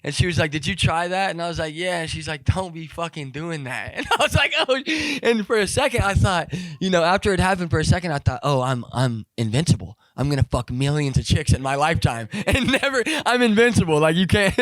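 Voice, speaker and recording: A man's voice: fairly high pitch, brisk, hardly any pauses, no echo. Rambling, profane young man telling stories. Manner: rambling, profane, animated storytelling with lots of fillers. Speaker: interview guest. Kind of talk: casual storytelling.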